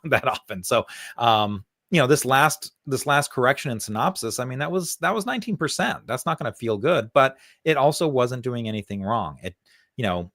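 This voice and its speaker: A man's voice: medium pitch, a bit bright, no room sound, studio quality. Man talking through stock charts. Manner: thinks aloud with many fillers and repeated words. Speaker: co-host, stock market analyst. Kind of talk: conversational market analysis.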